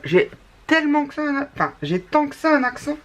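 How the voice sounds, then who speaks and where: A woman's voice: high voice, sing-song, brisk. A woman with a northern French ch'ti accent chatting through a craft tutorial, rambling with many restarts. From northern France. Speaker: scrapbooking YouTuber. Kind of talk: casual craft tutorial chat.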